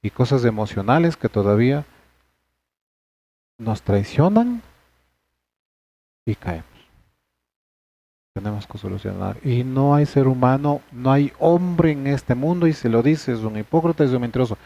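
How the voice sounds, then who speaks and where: A man's voice: mid-range voice, expressive, measured pace, gravelly, long pauses, dark tone, dull audio. A man leading a church men's study session, talking earnestly and conversationally to the group.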